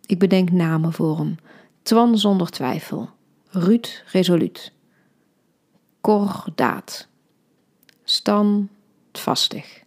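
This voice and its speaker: A woman with a low, husky voice reads a short story aloud for her podcast. Her delivery is soft and intimate and often sinks to a near-whisper.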